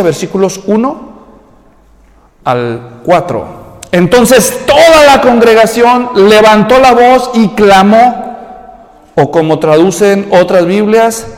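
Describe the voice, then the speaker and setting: A man preaching a sermon, animated and humorous, acting out quotes in a raised voice. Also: high voice. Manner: humorous storytelling asides. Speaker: pastor. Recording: echoey hall reverb.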